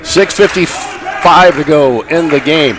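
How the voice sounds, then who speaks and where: A man calling play-by-play for a college basketball game, with steady calls of each pass and shot and occasional wry asides. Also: fairly high pitch, slow pace. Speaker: play-by-play announcer. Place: college gym. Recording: loud crowd noise behind.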